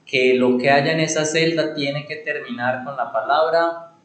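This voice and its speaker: A male instructor teaching a computer class, asking rhetorical questions and answering them himself, repeating key words and slowing down on them for emphasis. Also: fairly high pitch, steady tone, a bit bright, reverberant, poor audio.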